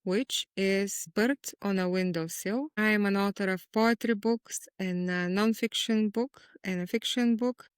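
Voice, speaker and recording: A Bulgarian-born woman, a guest poet, talking in a reflective, measured way in an interview. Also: medium pitch, smooth, dry recording, studio quality. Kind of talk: conversational interview.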